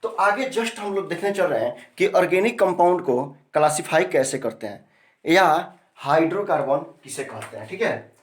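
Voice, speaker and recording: A man's voice: fairly high pitch, lively intonation, normal speed. A male chemistry teacher giving a classroom lesson who repeats key terms and keeps quizzing his students with questions. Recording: echoey room, mic set far off.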